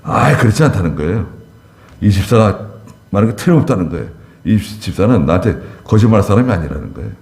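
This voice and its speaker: A man's voice: on the low side, very animated, fast talker, a little mellow, roomy sound. A male pastor preaching a conversational sermon, acting out short dialogues in a church.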